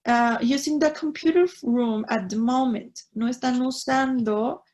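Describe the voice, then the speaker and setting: A woman with a Mexican Spanish accent, an English teacher explaining grammar step by step in an online class, pausing to check that students follow. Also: a little high, a little mellow. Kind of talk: online class, reading and explaining in two languages.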